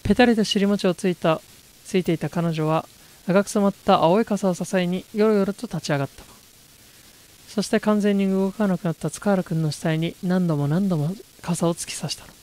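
A game streamer reads horror story text aloud in feminine storytelling style. The voice sits at a middle pitch between typical male and female ranges. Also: steady tone, normal speed, a little mellow.

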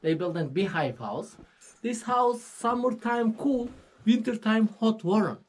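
A local tour guide explains things outdoors and inside a mud-brick house, using broken English in short, halting phrases with fillers. His voice is high-pitched with lively intonation, and the recording is rough.

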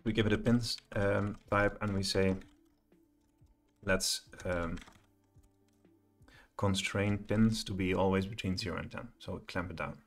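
A man's voice: low voice, steady tone, a little slow, long pauses, soft background music. A middle-aged man giving a live coding walkthrough from a home office, thinking aloud and hesitating with many fillers. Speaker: programming tutor.

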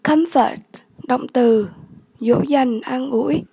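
A woman English tutor, slowly repeating vocabulary words and giving the word class, the stressed syllable and the meaning of each. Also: high-pitched, gravelly, dark tone, husky, dry recording. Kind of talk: vocabulary lesson.

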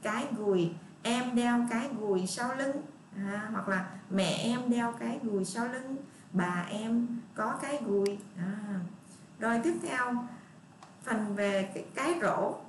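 A woman teacher, patiently leading a first-grade lesson and repeating words slowly for young children. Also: fairly high pitch, recorded from a distance. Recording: echoey room, voice off-mic, faint noise.

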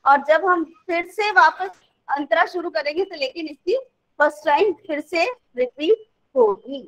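A woman music teacher who sings sargam note names slowly and patiently explains each step of a raga song to her class. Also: very high voice, rough recording.

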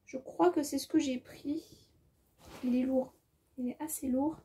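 A sewing vlogger with an accent of her own chats casually in a haul video, thinking aloud while she measures fabric. Her high voice is steady, unhurried, and dark in tone, full of hesitations and filler words.

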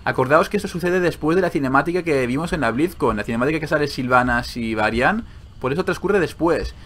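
Excitable gaming commentator. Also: male voice, fairly high pitch, quick pace. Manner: excitable, swearing, joking asides. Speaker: gaming video host. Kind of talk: casual gameplay commentary.

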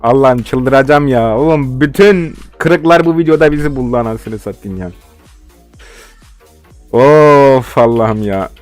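A man's voice: medium pitch, measured pace, darkish tone, no room sound, faint music behind. A young man giving live game commentary, ranting and swearing in frustration at his opponents. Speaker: gaming video host.

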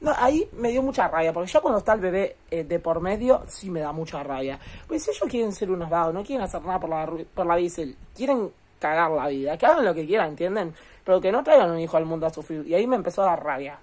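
A woman, casually and indignantly recapping a TV episode in a chatty, animated way. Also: fairly low pitch, quick pace. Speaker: commentator.

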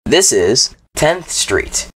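A man reading scripted transit announcements like a subway or airport announcer, in a formal, measured manner. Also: medium pitch, sing-song, a bit bright, husky, dry recording. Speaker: train announcer.

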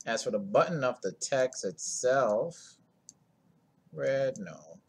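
A man's voice: medium pitch, takes it slowly, creaky, breathy edge. A man hosting a screen-recorded coding tutorial, talking in a laid-back, rambling way full of ums and asides.

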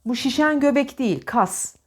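A Turkish-accented woman leads a diction lesson, voicing each sound in slow repeated drills. She talks straight to the viewer and coaches them on the exercise. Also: sits high, lively intonation. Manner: demonstrates sounds by repeating drill syllables and words. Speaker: diction teacher.

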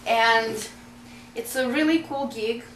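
A woman's voice: on the high side, takes it slowly, a bit bright, a little hiss or hum. A young woman from Russia, a guest chatting playfully in a comedy interview, laughing and hesitating with fillers. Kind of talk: casual interview chat. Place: indoor bedroom set. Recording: roomy room sound.

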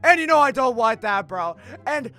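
A man's voice: very high voice, animated, normal speed, pushed and bright, exaggerated voice. A man voicing a grumpy, easily panicked cartoon hedgehog antihero, ranting in exasperation and stammering when nervous. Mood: exasperated. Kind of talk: comic dub voice acting. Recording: music playing behind the voice.

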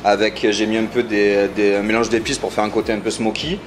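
A man, a chef, chatting quickly as he describes his recipes. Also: fairly low pitch, flat delivery, noisy background. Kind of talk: casual explaining.

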